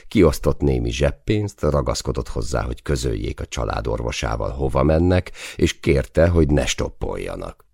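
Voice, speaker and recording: Deep gravelly man reading a memoir. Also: a little mellow, no room sound, clean studio sound. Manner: wry, understated storytelling. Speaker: audiobook narrator. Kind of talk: first-person memoir reading.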